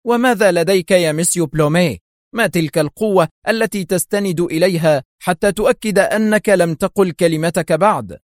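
A man voicing an indignant woman crime boss in an audiobook, sharp and fiery. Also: on the high side, animated, a little fast, dry recording, clean studio sound, lightly acted.

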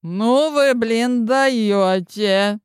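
A woman's voice: medium pitch, lively intonation, unhurried, dry recording, close to an everyday voice. A mischievous young woman in a monster costume grumbles and boasts in a cheeky tone, as a woman acts her out. The recording is dry and close. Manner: cheeky, complaining tone.

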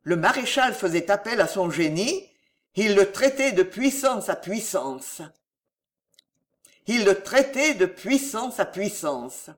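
This is an audiobook reader narrating a historical novel with lively, swinging intonation. The pitch sits in a mid register. The delivery is dramatic and expressive throughout. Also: takes it slowly.

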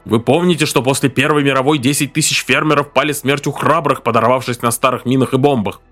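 A man voicing a boastful, excitable farmer father who blusters and shouts. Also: mid-range voice, fast, faint music behind, voice pushed up, lightly acted. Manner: blustering, shouting, then whispering.

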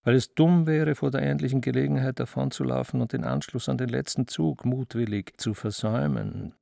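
Mann als lässiger spöttischer junger typ, knarzig, trocken aufgenommen. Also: male voice, medium pitch, fairly even intonation, fairly quick, vocal fry, dark tone, dry recording, studio quality. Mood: mocking. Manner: cool, teasing. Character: languid, mocking young man.

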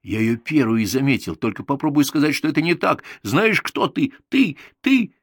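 A man reading an audiobook, voicing a jealous, hot-tempered young boy who yells insults. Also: medium pitch, animated, normal speed, no room sound, clean studio sound, pitched above the performer's own voice. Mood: angry. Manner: loud, yelling, rude insults.

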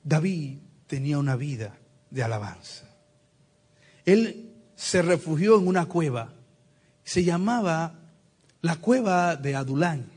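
Male preacher, high and husky, tells stories with a joke in them. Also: unhurried, long pauses. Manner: lively storytelling with acted quotes and humor. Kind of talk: sermon.

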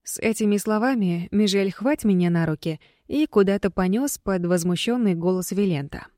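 A woman reading a fantasy novel aloud in measured, scripted narration. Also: mid-range voice, warm tone, no echo, studio quality. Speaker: audiobook reader.

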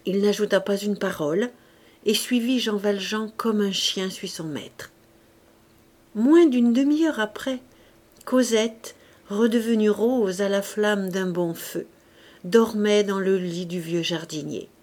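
A woman narrating a classic novel audiobook in a careful, even reading. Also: mid-range voice, slow. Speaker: audiobook reader.

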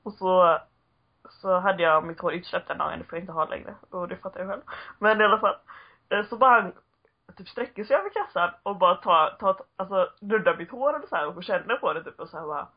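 A woman's voice: on the low side, husky. A woman in her twenties telling stories in a casual podcast chat, full of fillers. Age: 20s. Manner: chatty storytelling with frequent fillers and laughs. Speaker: podcast co-host. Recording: dull lo-fi old recording.

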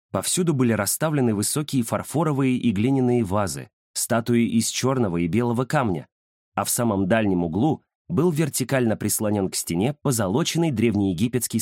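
A man narrating a children's story in an expressive storytelling manner. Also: mid-range voice, fairly quick, no room sound, studio quality. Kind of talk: audiobook narration.

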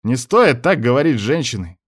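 A man's voice: medium pitch, sing-song, brisk, slightly rough, pitched above the performer's own voice. A male reader voicing a crude, leering drunk man at a club who drawls his words.

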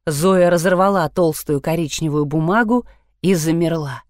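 A woman narrating a novel in a measured, expressive reading voice. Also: low-pitched, no echo, clean studio sound. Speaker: audiobook narrator. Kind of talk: scripted narration.

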